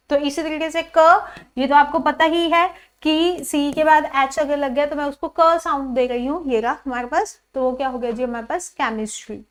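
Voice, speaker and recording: A woman teaching English pronunciation to a class. She asks questions and answers them herself, and repeats each example word slowly. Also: high voice. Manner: calls the pupils "children", says "ji" often.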